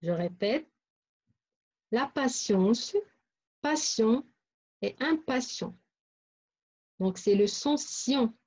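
Slow, careful woman teaching phonics. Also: a little high, animated, a little mellow, slightly rough, dull audio. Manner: repeats words and syllables carefully for children. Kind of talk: slow, deliberate phonics lesson.

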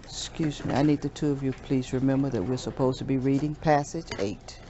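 A woman's voice: very deep voice, steady tone, brisk, mellow, a little hiss or hum. A woman teacher giving firm, directive instructions to a class. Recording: dull lo-fi classroom recording.

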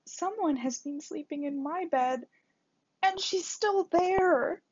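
A woman voicing a small, upset boy bear cub in a high, tearful voice for a storytime. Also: very animated, takes it slowly, a little mellow, no room sound, exaggerated voice. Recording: dull lo-fi recording.

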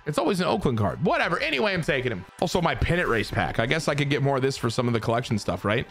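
A young man giving excited commentary over his own baseball video game, muttering one moment and shouting the next. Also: medium pitch, rapid-fire, vocal fry, faint music behind. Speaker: gaming YouTuber. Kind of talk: live gameplay commentary.

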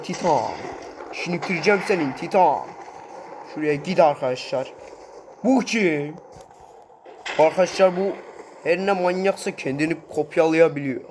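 A man giving casual, excitable gameplay commentary, swearing often and talking straight to his viewers. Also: a little high, slight background noise.

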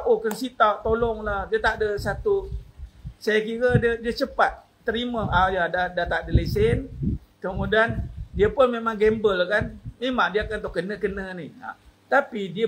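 A man's voice: sits high, fairly bright tone, husky, poor audio. A man with a Malaysian accent giving a religious talk as a preacher, emphatic, slipping in English words and asking his listeners "ha?" between points. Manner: emphatic, punctuates points with questioning "ha?".

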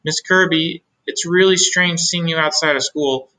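A man's voice: on the high side, fairly even intonation, unhurried, pushed and bright, voice pushed up, rough recording. A man voicing a small, earnest schoolboy in a storybook, polite and a little hesitant. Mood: awkward, polite.

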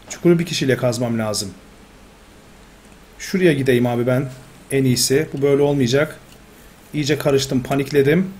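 A man commentating his own gameplay, talking to himself and getting exasperated. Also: medium pitch. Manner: talks to himself, excitable, exasperated. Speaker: gamer. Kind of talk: Let's Play commentary.

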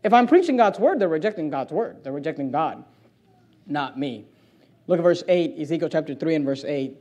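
A man preaching a sermon as pastor in a church. He reads scripture slowly and with weight, and his delivery swings between quiet asides and loud, forceful emphasis. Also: fairly high pitch, animated.

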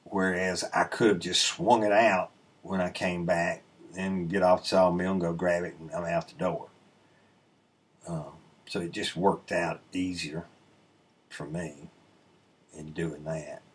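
Talking over video of his sawmill work, a middle-aged man is relaxed and rambling, dropping in many ums and uhs. His low voice barely moves in pitch, runs a little slow with frequent pauses, and has a breathy edge. As host of a sawmill channel, he records at a desk on a webcam in an indoor room away from the mill.

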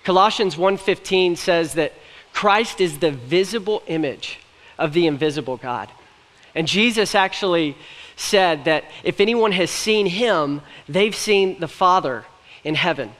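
A man's voice: high-pitched, lively intonation, unhurried, a bit bright. A young man giving a sermon as pastor, earnest and conversational, with light jokes, on stage in a church. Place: church stage with a large hall. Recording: long hall reverb from a church room.

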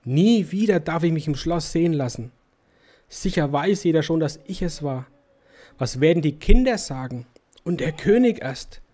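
A man's voice: a little high, lively intonation, normal speed, mellow. A man reads out a frightened little boy from a children's storybook. The boy sounds anxious and stammers, and his voice rises a little. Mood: panicked.

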